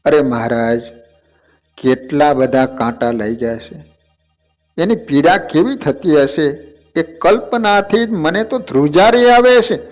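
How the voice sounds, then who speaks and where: એક પુરુષ ભજવે છે પ્રેમથી ઠપકો આપતી ગામડાની વૃદ્ધ સ્ત્રી. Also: male voice, takes it slowly, soft background music. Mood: tender. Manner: raised pitch, scolding and pleading. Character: old village woman, affectionately scolding, caring.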